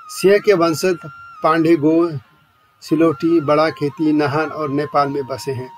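A male journalist giving a scripted documentary narration, reading out long lists of names and places in a measured way. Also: a little high. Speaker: journalist narrating a channel's history series.

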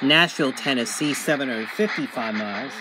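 A man reviews something hands-on at an indoor table, talking in a casual, methodical and matter-of-fact way. He speaks at medium pitch and a little fast over heavy background noise, including sound from a radio.

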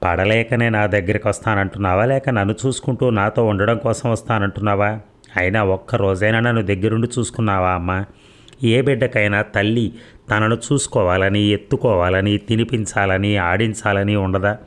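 A man's voice: lowish voice, steady tone, normal speed, natural voice. A man voicing a bitter young woman who confronts her mother with pointed, accusing questions, in a read audio story. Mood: hurt.

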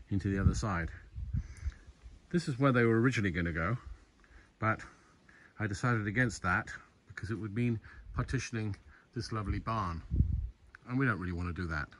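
A middle-aged man filming a casual video diary on his farm. He explains each step, pausing and correcting his own words. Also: on the low side, a bit bright, slight background noise. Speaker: farm restorer vlogging his progress. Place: old stone barn and farmland, outdoors. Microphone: phone camera at arm's length.

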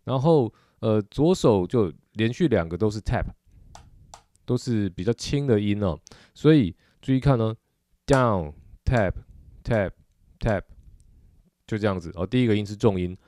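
A man's voice: lowish voice, lively intonation, moderate pace, warm tone. A middle-aged man with a Taiwanese Mandarin accent, explaining drumming technique patiently in a video lesson, with frequent filler particles. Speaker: drum teacher.

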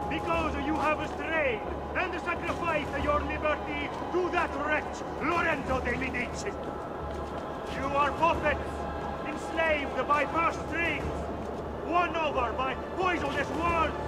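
Fanatical game preacher, town crier proclamation, very high pitch, slow fiery oratory, declamatory, loud music underneath. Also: male voice. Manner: declamatory, zealous, drawn-out oratory. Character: fanatical male preacher crying doom to townspeople.

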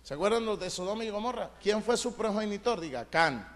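A male pastor preaching a fiery sermon, emphatic, calling on the congregation to answer back and rising to loud shouted peaks. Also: sits high, steady tone, fast talker. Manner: emphatic, calls for congregation responses.

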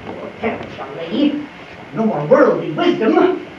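A woman's voice: mid-range voice, sing-song, a little slow. A woman playing a haughty, wealthy old aunt in a stage play, scolding and admonishing with emphatic delivery. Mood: scornful. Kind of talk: live stage play acting. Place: theatre in the round, far camera, audience around. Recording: muffled, noisy camcorder in echoey theatre, distant.

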